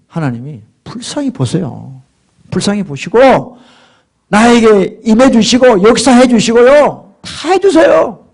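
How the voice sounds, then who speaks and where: A middle-aged man preaching a sermon as pastor, swinging from hushed murmurs to loud, emphatic exhortation. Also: extremely high pitch, husky.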